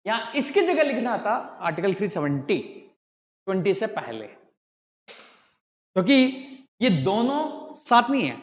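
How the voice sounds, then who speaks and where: A man's voice: sits high, very animated, measured pace, long pauses. A man teaching a class, constantly quizzing students with rhetorical questions, recorded in a large classroom. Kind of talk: classroom lecture. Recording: echoey hall with long reverb.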